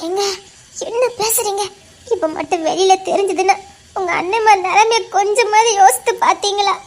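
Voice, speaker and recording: An actress playing an anxious young wife, speaking softly and pleadingly with a Tirunelveli Tamil accent, her voice breaking with tears. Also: very high-pitched, fairly even intonation, moderate pace. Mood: tearful pleading. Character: anxious young wife, tearful but firm. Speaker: actor. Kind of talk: melodramatic web-series acting.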